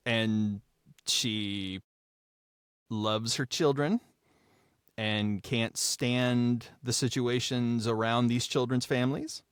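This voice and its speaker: A man who creates and writes a show talks enthusiastically in a casual behind-the-scenes podcast, gushing and repeating phrases for emphasis. His voice is medium in pitch and a bit bright. The sound is dry and studio quality.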